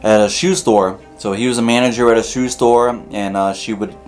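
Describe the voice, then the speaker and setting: A man's voice: on the low side, fairly even intonation, normal speed, darkish tone, soft background music. Man chatting casually over crunchy fried chicken. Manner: eating crunchy fried chicken while talking. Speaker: mukbang show host. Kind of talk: casual chat to viewers while eating.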